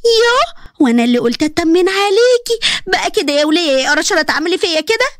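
A woman voicing a sharp-tongued Egyptian girl, cartoon story, high voice, fast, dry sound. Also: lively intonation, no room sound. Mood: mocking. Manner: mocking, insulting, brash. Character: cheeky sharp-tongued young woman meddler.

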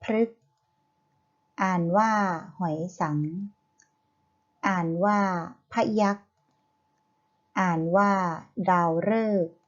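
A woman teacher reads vocabulary aloud at an extremely slow, careful pace. She spells out every word one syllable at a time and repeats the same cue before each one. The recording sounds dull and lo-fi. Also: medium pitch. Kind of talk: slow vocabulary reading drill.

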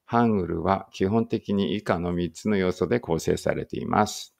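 A language teacher with a low, creaky voice reads a study text aloud at a normal speed during a casual study-along, thinking aloud in muttered asides.

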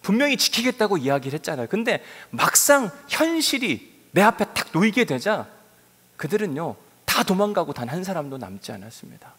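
A male pastor preaching a sermon in a church sanctuary, telling the story in an animated way and acting out biblical dialogue. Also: sits high, a little fast, slightly rough. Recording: long reverb of a large church hall.

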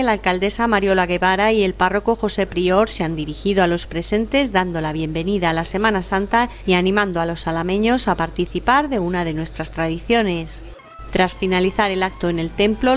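A woman with an accent from Spain reads scripted local news narration as a reporter. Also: on the low side. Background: music.

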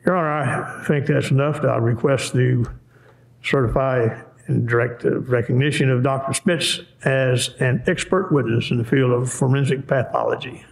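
A man's voice: mid-range voice, steady tone, moderate pace, vocal fry. Guy lawyer politely asking a witness questions, courtroom recording, lots of room echo. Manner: polite and formal, addresses the witness as sir. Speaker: defense attorney questioning a witness.

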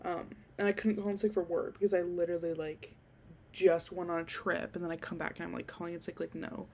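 A young adult woman records her podcast in a dim bedroom, talking quickly into a handheld desk mic close to her mouth, her lowish voice showing little pitch movement. She rambles casually with lots of ums and likes, sounds slightly nasal from being sick, and there's a little hiss or hum.

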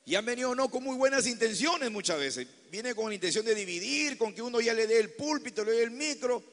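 High, gravelly-voiced male pastor preaching. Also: animated, brisk, in a large hall. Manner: impassioned preaching that swings from hushed storytelling to loud exclamations. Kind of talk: sermon. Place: large church hall.

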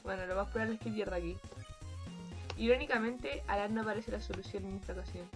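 A young woman, giving excitable casual commentary while playing a game, swearing freely, with faint game music behind. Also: mid-range voice, quick pace. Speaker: let's play gamer.

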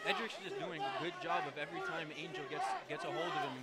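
A man's voice: high voice, wildly swooping pitch, fast. A man doing conversational live fight commentary, often repeating phrases as he builds a point. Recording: loud music and crowd noise behind. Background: loud music and crowd.

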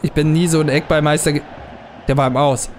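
A young man giving casual commentary while he plays a football video game, muttering at times and bursting out loudly at plays. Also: fairly high pitch, a little fast, slight background noise. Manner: excitable, swings from muttering to loud outbursts at plays. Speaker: gaming channel host.

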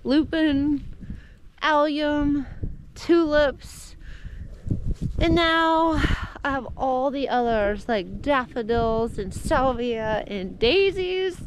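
A flower farmer in her forties vlogs casually as she walks around her rural farm in winter, holding a wide-angle camera at arm's length. Her voice sits high and she draws out her words, chatty and indecisive, often laughing and saying "like," with background noise around her.

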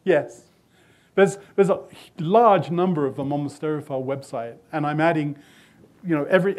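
An older British man, a magazine editor, answers audience questions at a conference talk in a hotel meeting room, explaining in a thoughtful, loose manner with restarts. His voice is fairly high and a little mellow, and he speaks away from the podium mic.

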